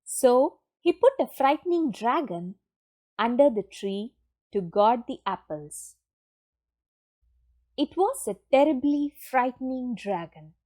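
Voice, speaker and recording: A woman reading a children's picture book aloud in an expressive, deliberate storytelling manner with dramatic pauses. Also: sits high. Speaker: storybook reader.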